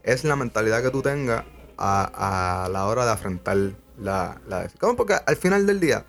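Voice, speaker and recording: A man's voice: lowish voice, sing-song, moderate pace, creaky, fairly bright tone, soft background music. A young man hosting a podcast, talking casually and earnestly, peppering his speech with swearing. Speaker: podcast host. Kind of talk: casual conversation.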